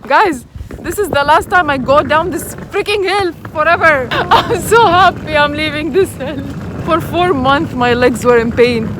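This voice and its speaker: Young woman vlogging on her phone outside, high bright voice, street noise behind. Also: unhurried. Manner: playful, laughing, chatty. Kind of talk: handheld vlog filming.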